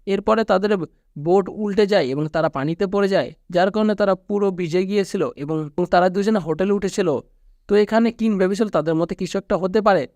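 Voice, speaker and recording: A man with a Bangladeshi Bengali accent narrating a movie plot recap in a steady storytelling manner. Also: high voice, dry recording, clean studio sound. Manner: steady storytelling recap, quoting characters flatly. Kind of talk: scripted narration.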